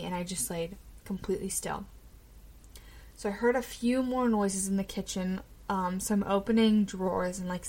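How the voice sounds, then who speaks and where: Young woman telling a scary story. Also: medium pitch. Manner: chatty, many fillers and restarts. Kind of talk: casual personal storytelling.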